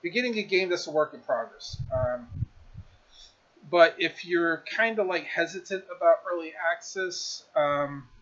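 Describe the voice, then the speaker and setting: A man's voice: on the high side, lively intonation, unhurried, fairly bright tone, muffled recording. A man casually reviewing a video game on his stream, rambling with lots of fillers and restarts.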